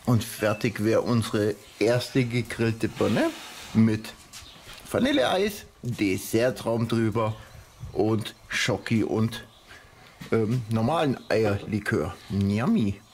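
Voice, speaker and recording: A man's voice: on the low side, lively intonation, slow, darkish tone, a little hiss or hum. A man hosting a casual grilling vlog outdoors, chatty and playful as he presents a dessert to friends. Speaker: grill channel host. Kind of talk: casual cooking vlog chat.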